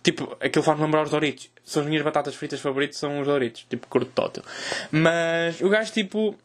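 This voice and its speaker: Fast, high-voiced young European Portuguese man. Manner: animated, crude joking, loud cries in retold scenes. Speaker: host. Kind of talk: casual comic storytelling.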